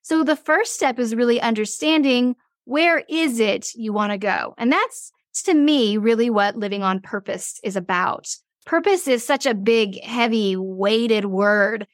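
A woman in her forties, a business owner guest, telling a personal story in an interview and acting out her own thoughts with animated shifts. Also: on the high side, a little slow, hardly any pauses, no room sound, studio quality.

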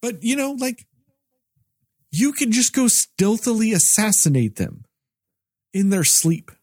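A man's voice: sits high, sing-song, a little slow, a little mellow, no room sound. A man co-hosting a movie review podcast who rants sarcastically and swears freely. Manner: sarcastic, ranting, profane. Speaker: podcast co-host. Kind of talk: casual movie review chat.

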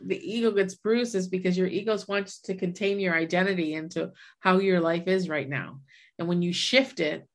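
Earnest woman in her forties, low voice. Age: 40s. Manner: earnest, reflective, many restarts. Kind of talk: casual chat.

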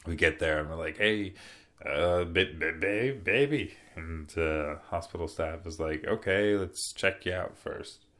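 A deep-voiced young man hosts a podcast, telling a personal story in a relaxed, rambling way with soft filler words, speaking a little slowly.

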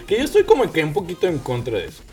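A deep-voiced man with a Mexican accent co-hosting a casual podcast chat, joking and mixing English words into his Spanish. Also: wildly swooping pitch, very fast, warm tone, soft background music. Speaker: podcast co-host.

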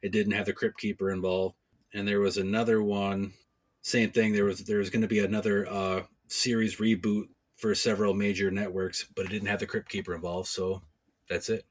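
A man co-hosting a podcast, giving informative recaps and reviews in a casual chat with deadpan jokes. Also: on the low side, fairly quick. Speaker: podcast co-host.

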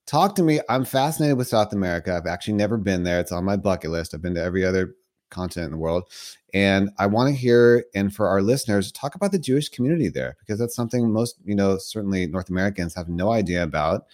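A man hosts an interview podcast, introducing his guest with showman flair before moving into questions. His voice is low-pitched and darkish, and he talks at a quick pace.

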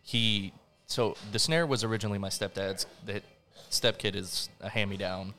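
Low, flat-toned man chatting casually. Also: normal speed. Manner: sweary, slangy. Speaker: band drummer, podcast guest. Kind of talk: casual chat.

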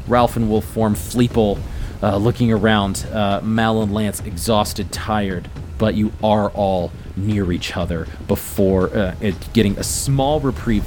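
A man acting as game master, narrating and refereeing a tabletop game in a halting way. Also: lowish voice, darkish tone, slight background noise.

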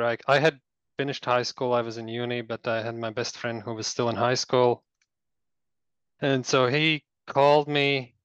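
A man's voice: medium pitch, a bit bright, smooth, no room sound, muffled recording. A man from Latvia telling a story in a casual interview, rambling with many fillers and restarts. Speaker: guest.

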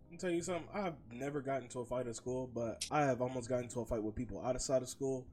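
A young man talks through his views in relaxed street slang, swearing often and tossing in "bro" every few phrases. His voice has an ordinary male pitch, with faint music behind it. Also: racing. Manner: laid-back, slangy, profane, says "bro" often. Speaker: podcast co-host. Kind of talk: casual opinion chat.

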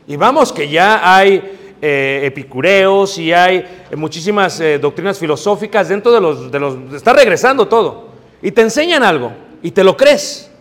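A man from Mexico City with a Mexico City Spanish accent, preaching a lively sermon to young people and asking them questions. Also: sits high, big-room sound. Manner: lively, joking, asks the audience questions. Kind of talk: sermon to youth.

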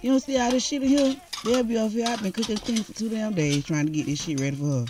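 An actress playing a brash, welcoming cousin who talks in familiar slang at home. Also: female voice, on the high side, fast, noisy background, close to an everyday voice. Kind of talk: naturalistic screen drama dialogue.

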